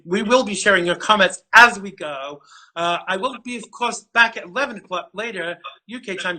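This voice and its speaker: A middle-aged man hosts a casual livestream interview show, effusive and chatty, stumbling over his words with fan enthusiasm, full of fillers and restarts. His voice is high-pitched, bright and forceful, and the recording quality is low.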